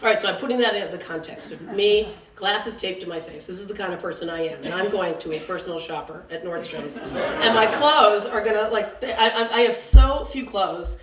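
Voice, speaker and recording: A woman in her late forties telling a self-mocking, chatty comic story on stage, with quick asides. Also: mid-range voice, crowd noise. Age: late 40s. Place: theater stage before an audience. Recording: roomy, distant, noisy live room.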